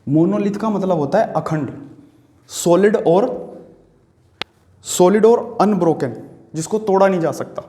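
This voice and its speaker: A man's voice: high-pitched, a little slow, pauses often, dark tone, roomy sound. A man with an Indian accent teaching exam-prep vocabulary, explaining patiently, repeating words and asking the viewer questions. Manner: writes on a board while talking.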